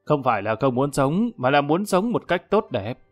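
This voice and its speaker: A man's voice: fairly high pitch, sing-song, normal speed, soft background music. A man voicing an arrogant, sneering corrupt magistrate in an audiobook, with theatrical menace. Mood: cold menace. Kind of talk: audiobook character acting.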